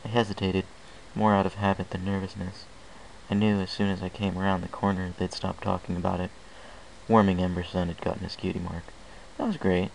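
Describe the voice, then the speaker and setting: This first-person fan fiction reading comes from a man whose fairly low voice has a gravelly creak, kept at a level tone and a brisk pace. The homemade recording is low in quality and carries some noise.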